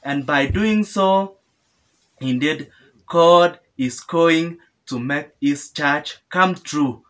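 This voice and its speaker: A young man delivers a sermon straight to the camera from a small room. He speaks slowly and earnestly in a slightly high voice. He often asks a question, answers it himself, and restarts or repeats phrases as he goes. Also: a bit bright. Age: young adult. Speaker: preacher. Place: small indoor room with sofa.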